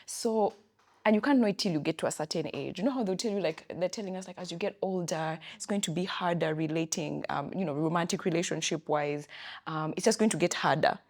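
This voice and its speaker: A woman's voice: lowish voice, fairly quick. A woman around thirty with a Ugandan English accent, co-hosting a casual chat podcast and talking reflectively about her feelings. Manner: reflective, animated storytelling with quoted inner thoughts. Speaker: podcast co-host.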